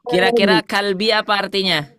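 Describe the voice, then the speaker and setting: A man's voice: high-pitched, a little fast, crowd noise. A man teaching Quran recitation to a class, asking questions and repeating the answers.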